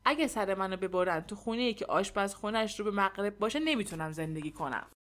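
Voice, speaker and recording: A woman's voice: mid-range voice, expressive, fairly bright tone, lightly acted. A woman voicing a fussy, insistent young wife in a storybook reading. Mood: adamant.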